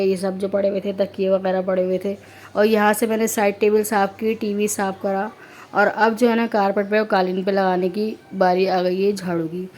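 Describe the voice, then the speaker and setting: A woman in her thirties from Pakistan, narrating her housework in a chatty, repetitive way with many fillers; her throat is hoarse. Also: mid-range voice, a little mellow, a little hiss or hum. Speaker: vlogger, homemaker. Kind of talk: casual voice-over narration.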